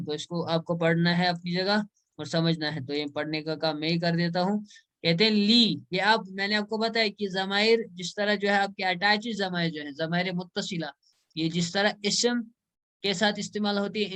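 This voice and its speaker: A man teaching Arabic grammar in an online class. He explains step by step, says example words slowly, and often checks with "right?". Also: high-pitched, fairly bright tone.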